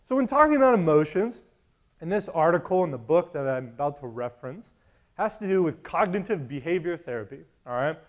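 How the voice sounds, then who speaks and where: A man's voice: a little high, very animated, a little fast. A man preaching a sermon in a casual, conversational way, asking the congregation repeated questions. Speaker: pastor.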